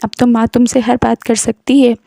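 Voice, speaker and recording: A woman voicing a loving, grieving mother in a dry, close recording, speaking softly and tenderly. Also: fairly high pitch, level tone, normal speed, vocal fry, no room sound.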